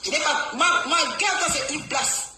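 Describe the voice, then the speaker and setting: A woman's voice: high-pitched, normal speed. A woman in a heated live-stream argument, scolding and mocking with lots of repetition. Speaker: live-stream clash participant. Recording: echoey room with loud music.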